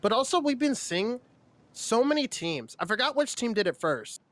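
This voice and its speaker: A man's voice: extremely high pitch, very animated, moderate pace, fairly bright tone. A man co-casting a live esports match over a remote call, rambling and full of fillers, often checking "right?". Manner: rambling, filler-heavy, keeps asking "right?". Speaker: esports co-caster. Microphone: remote call over the internet.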